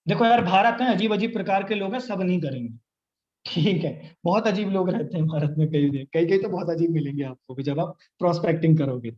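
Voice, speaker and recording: A young man with a fairly high voice leads a live online sales training. He coaches with energy and switches into quick sample conversations. His voice sounds roomy and a little dull, like live-stream audio. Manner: energetic, coaching, acts out both sides of sample chats.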